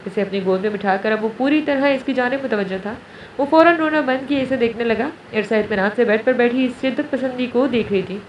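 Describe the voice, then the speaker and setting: A woman narrator reading a romance novel aloud in a steady storytelling manner. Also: a little high. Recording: roomy, distant, dull, faint hiss.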